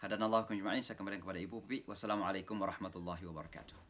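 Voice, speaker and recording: Man, religious lecturer on a video call, lively storyteller who voices his listeners. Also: deep voice, racing. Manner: animated storytelling, mimics voices of listeners, mixes English phrases. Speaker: preacher giving a talk.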